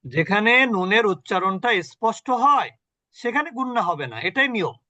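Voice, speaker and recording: A man teaching Quran recitation rules in an online class, explaining patiently, quizzing his students and chanting example words slowly. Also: high voice, sing-song, pushed and bright. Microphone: video call.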